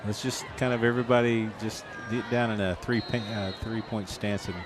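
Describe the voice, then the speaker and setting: Low-voiced rambling color commentator man. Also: fairly even intonation, normal speed, crowd noise, background noise. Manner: rambling, good-humored, trails off mid-sentence. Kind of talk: local high school football commentary.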